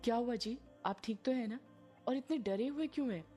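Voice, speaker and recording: A shy, hesitant village wife, as a woman narrator plays her, her voice lifted a little higher and softly pleading. The tone is mellow, with faint music behind. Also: moderate pace, lightly acted. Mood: meek. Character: timid young village wife.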